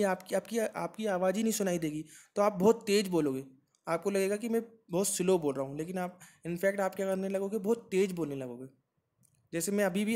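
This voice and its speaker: A man's voice: high voice, darkish tone. A man teaching an exam-prep lesson, explaining step by step and answering his own questions, with frequent "right?" checks.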